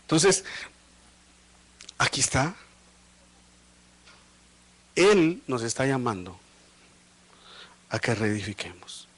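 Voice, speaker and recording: A man preaching a sermon as pastor. He speaks to the congregation with rhetorical questions and swings between loud emphatic lines and low, quiet ones. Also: sing-song, slow pace, pauses often. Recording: livestream of a live church service.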